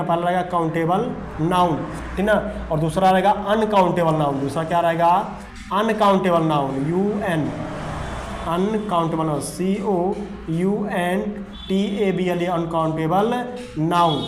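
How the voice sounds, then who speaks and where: A male teacher with a rather high voice works through a grammar lesson at a whiteboard. He spells each word slowly letter by letter and keeps checking in with the students. The room is echoey, with a faint hiss underneath. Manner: spells words letter by letter, repeats "देखिए" and "ठीक ना".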